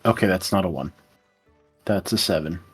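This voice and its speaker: A man's voice: low voice, normal speed, slightly rough, faint music behind. A man playing a tabletop role-playing game, talking casually and describing what his character does.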